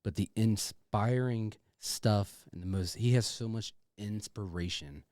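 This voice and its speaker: A podcast co-host talks effusively and informally, swearing and often repeating himself. His voice is lowish and a little mellow, his pace unhurried, and there's no room sound.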